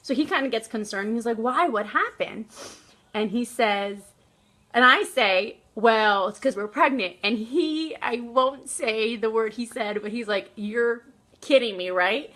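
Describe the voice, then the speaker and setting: A young woman vlogger telling a personal story in a casual, animated way, laughing often. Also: a little high, unhurried.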